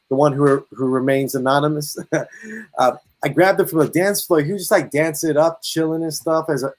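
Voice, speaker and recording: Husky-voiced guy telling a story. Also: fairly high pitch, rough recording. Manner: animated, acts out quotes in lively voices. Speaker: guest storyteller. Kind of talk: casual storytelling.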